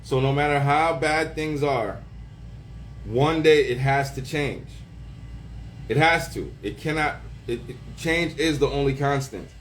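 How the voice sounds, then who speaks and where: A man hosting a casual livestream, greeting viewers by name with slang shout-outs and laughing often. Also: medium pitch, slight background noise. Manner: laughs often, drawn-out words. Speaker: livestream host.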